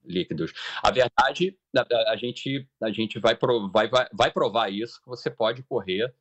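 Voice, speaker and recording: A man, an endurance runner answering interview questions in a relaxed, hesitant way, often repeating words. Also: mid-range voice, unhurried, muffled recording. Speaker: ultramarathon runner.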